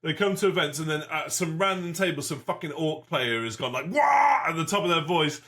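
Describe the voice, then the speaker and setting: A man's voice: on the high side, fairly quick, pushed and bright. A man co-hosting a podcast, chatting casually and animatedly, swearing freely and joking. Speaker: podcast co-host.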